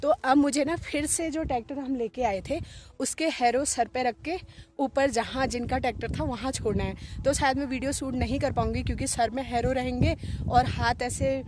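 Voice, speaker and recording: Woman, 30s, from Uttarakhand, rather high voice, chatty village vlogger talking into a phone at arm's length outdoors. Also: normal speed, a little mellow. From Uttarakhand, India. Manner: chatty, explains each task as she goes. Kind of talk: casual vlog narration to camera. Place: hillside fields outdoors. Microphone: phone held at arm's length.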